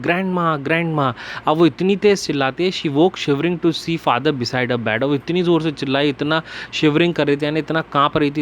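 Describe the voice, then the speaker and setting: A man teaching a class lesson, reading each English line slowly before explaining it at length in Hindi. His voice is mid-pitched, and a faint hiss sits under the recording.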